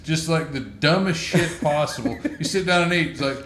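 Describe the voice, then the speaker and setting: A man's voice: a little high, moderate pace, a bit bright. A man on a casual podcast chat, blunt and wry, cursing freely. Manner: blunt, swears a lot, wry. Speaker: podcast co-host. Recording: echoey room with faint background noise.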